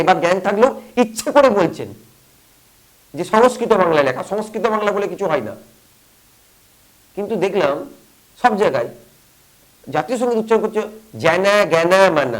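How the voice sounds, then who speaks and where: A fervent speaker from West Bengal gives an opinion monologue at a middling pitch. The talk is full of pointed rhetorical questions, and key phrases are hammered home by repetition. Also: low-quality recording. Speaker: opinion commentator.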